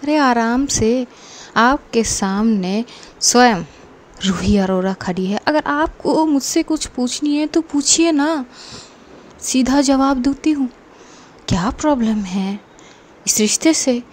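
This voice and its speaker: A woman's voice: fairly high pitch, lively intonation, slow pace, a little hiss or hum. A woman voicing a bold, teasing young woman in love, talking back with playful defiance in a narrated story. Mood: defiant. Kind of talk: narrated story with acted dialogue.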